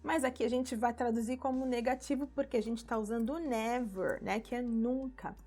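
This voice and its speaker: A Brazilian woman teaching English through a worship song, patiently modeling each English word slowly. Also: a little high, fairly even intonation, darkish tone. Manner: patient, stretching English words slowly when modeling them. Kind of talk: English lesson using song lyrics.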